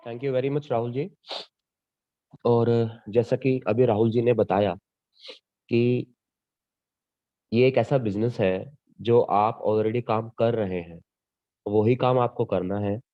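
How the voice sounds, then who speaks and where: A man hosting a business meeting, summing up the pitch in a measured, persuasive way. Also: dry recording, highs cut off. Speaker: meeting host.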